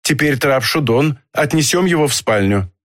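A man's voice: medium pitch, lively intonation, normal speed, fairly bright tone, no room sound, clean studio sound, natural voice. A man reading an audiobook, voicing a brusque, commanding doctor. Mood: reassuring. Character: middle-aged male doctor, brusque and commanding.

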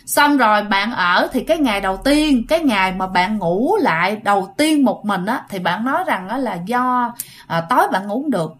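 A woman's voice: mid-range voice, lively intonation, moderate pace. A woman with a Southern Vietnamese accent telling a ghost story in a chatty, casual way, talking straight to her listeners. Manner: chatty, addresses listeners directly, acts out quoted shouts.

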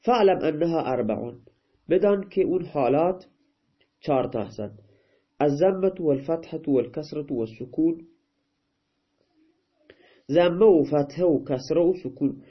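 Male teacher, somewhat high voice, reads text aloud and explains it step by step, muffled lo-fi recording. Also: animated, long pauses, breathy edge. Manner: reads a line of text, then explains it in plain talk. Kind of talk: grammar lesson, reading and translating. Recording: dull, lo-fi recording.

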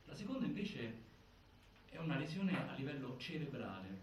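A very animated yet everyday-sounding mid-range male voice belongs to a stage actor narrating a prison death investigation, hammering the findings home with halting pauses in documentary-theatre style. His mood is grave and insistent. The indoor stage was recorded from far away, leaving the sound echoey, distant and noisy.

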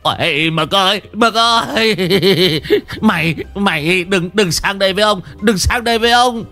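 A man's voice: sits high, measured pace, pushed and bright, soft background music, voice pushed up, full character voice. A man voicing a mischievous bald old man who taunts and cackles, in a raised voice. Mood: panicked.

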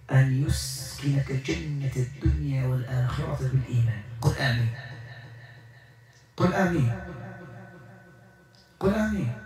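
A man leading a spiritual healing session, speaking to a patient with emphatic, repetitive exhortation that swings between loud appeals and whispers. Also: mid-range voice, distant mic. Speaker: ruqyah healer. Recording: echoey room from off-mic with faint music.

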